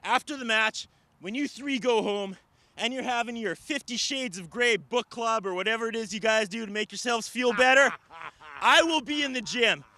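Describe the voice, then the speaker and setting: Male wrestler for promo: high, forceful voice, indignant, emphatic phrasing. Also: expressive, moderate pace, no room sound. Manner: emphatic, indignant, rhetorical questions.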